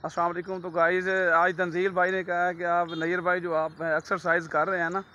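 A man's voice: sits high, level tone, fairly quick, sharp tone, highs cut off, slight background noise. A young man from Pakistan with a Punjabi accent, casually showing exercise steps outdoors on a phone camera, explaining plainly. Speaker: friend demonstrating exercises. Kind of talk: casual instructional vlog talk. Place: outdoors in a village field.

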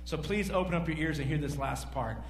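A man's voice: on the high side, a little fast. A man in his forties, a pastor preaching a sermon to his congregation and asking them questions as he moves around a large church stage. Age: 40s. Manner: animated, pacing the stage and gesturing. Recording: echoey hall, faint hum.

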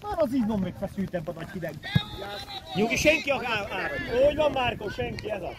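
High-pitched man cheering from the sideline. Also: expressive. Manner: calls players by nickname and swears loudly. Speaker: spectator at a village football match. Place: outdoor football pitch. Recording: outdoor crowd noise.

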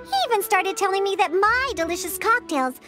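Extremely high-pitched and fairly quick, a woman voices a sassy, grumpy cat-eared little girl who tends bar in a video game. Her lively intonation carries a huffy, haughty, emphatic delivery that comes across smug and confident. This scripted game dialogue plays over background game music.

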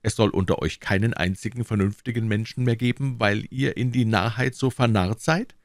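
A man's voice: lowish voice, moderate pace, dry recording, studio quality, pitched above the performer's own voice, close to an everyday voice. A man reading aloud and voicing an irritated, scornful old philosopher who scolds his fellow townsmen. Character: cunning, gruff old philosopher in a barrel, man.

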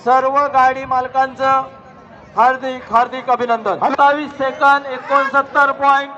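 A man calls a race over a public-address loudspeaker. His voice sits very high and barely moves in pitch as he reads out times and warnings in a steady cadence. The sound is dull and lo-fi, with a big crowd around the outdoor ground. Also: normal speed, a little hiss or hum. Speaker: race announcer. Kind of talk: live race commentary and results calling. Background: large crowd.

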